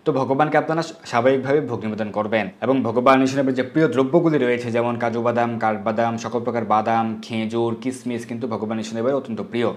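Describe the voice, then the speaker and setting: A man giving step-by-step worship instructions as a religious teacher, slowing down to recite mantras carefully. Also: medium pitch, steady tone. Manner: measured, slows to recite mantras. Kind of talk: instructional talk with chanted Sanskrit mantras.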